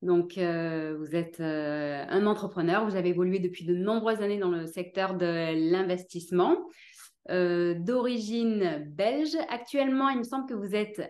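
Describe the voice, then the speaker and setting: A woman's voice: lowish voice, a little slow, darkish tone, echoey room. A woman in her thirties hosting an interview over a video call, talking in a chatty way with many fillers. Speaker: host, interviewer. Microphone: webcam on a video call.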